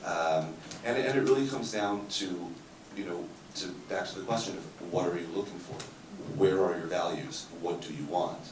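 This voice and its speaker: A very deep-voiced man speaks on a therapy panel, hesitating and restarting often with plenty of fillers. He is picked up from a distance in a conference room that echoes, with clear background noise behind him. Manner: halting, many fillers and restarts. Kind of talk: panel discussion answer.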